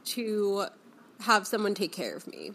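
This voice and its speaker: A woman's voice: medium pitch, very animated, measured pace, a bit bright. A young woman co-hosting a casual podcast, congested and nasal from a cold, chatty and full of "like". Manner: chatty with filler "like". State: congested, sick. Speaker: podcast co-host.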